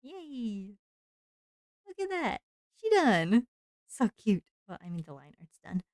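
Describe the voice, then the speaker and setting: Woman streamer rambling while she draws, slow and laid back, lots of likes and little laughs, dry close sound. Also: a little high, big pitch swings, a little mellow, no echo. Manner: rambling and chatty, with frequent laughs and fillers. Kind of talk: casual chat while drawing on stream.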